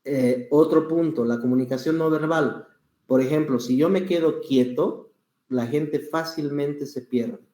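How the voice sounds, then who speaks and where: A patient man teaching public speaking, walking through each point with examples. His voice is warm and mellow, and he plays with slow stretches and louder emphasis. The sound carries a roomy echo. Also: a little high. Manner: patient, explains with examples, varies pace and volume deliberately. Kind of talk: online class teaching.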